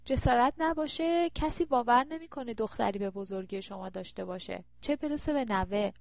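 A woman's voice: on the high side, creaky, no echo. A woman narrator voicing a jovial, teasing older man at a party in an audiobook. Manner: flattering, playful.

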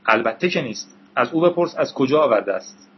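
A man's voice: medium pitch, lively intonation, breathy edge, highs cut off. A man voicing a brash, suspicious young male computer whiz who makes blunt, scornful remarks, in an audiobook reading.

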